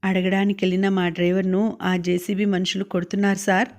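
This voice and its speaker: A woman's voice: medium pitch, level tone, brisk, a little mellow, close to an everyday voice. A woman voicing an apologetic male custody guard explaining himself, in an audiobook.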